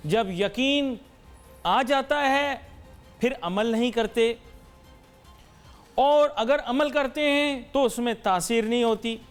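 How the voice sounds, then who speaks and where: A man's voice: very high voice, slow pace, long pauses, clear, resonant tone, faint music behind. A man hosting a TV talk show, delivering an emphatic, lecturing monologue to viewers and mixing in English phrases. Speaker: TV anchor and talk show host.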